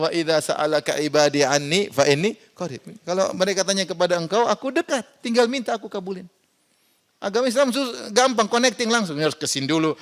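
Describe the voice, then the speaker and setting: A man delivers an animated Quran exegesis lecture in a mosque. His voice sits somewhat high for a man and climbs on emphatic points. He often turns to the listeners with rhetorical questions. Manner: animated, swings from loud emphatic rises to quiet asides. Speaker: Islamic preacher.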